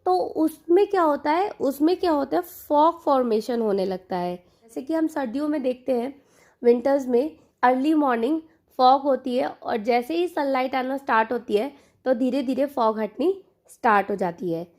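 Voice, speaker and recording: A woman with a high, slightly mellow voice speaks at a normal pace. She's an online exam-prep teacher giving a lecture in mixed Hindi and English, repeating key terms for her learners.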